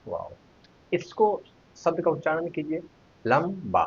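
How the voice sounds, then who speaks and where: A man's voice: on the high side, expressive, a little slow, slight background noise. A man teaching a Hindi grammar lesson online, asking the viewers questions and sounding out letters one at a time. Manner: asks questions to viewers, then answers them. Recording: dull lo-fi recording.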